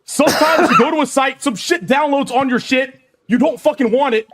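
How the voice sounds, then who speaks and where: A man's voice: extremely high pitch, brisk, fairly bright tone. A man talking casually on a stream, defensive and exasperated, swearing and repeating himself.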